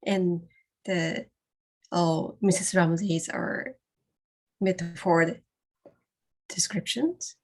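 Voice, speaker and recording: A woman presenter answering a question in an academic panel discussion over a video call. She speaks haltingly, with long pauses and fillers. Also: on the low side, steady tone, poor audio.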